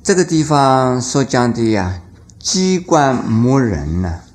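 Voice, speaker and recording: A man, a Buddhist master, giving a dharma lecture. He explains patiently, puts rhetorical questions to his listeners, and chants verse lines slowly. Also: medium pitch, sing-song.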